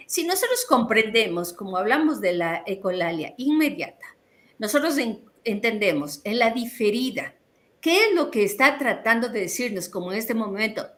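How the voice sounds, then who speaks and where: A woman interviewing guests, explaining a topic in a calm, measured way before asking them questions. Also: on the high side. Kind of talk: explanatory talk.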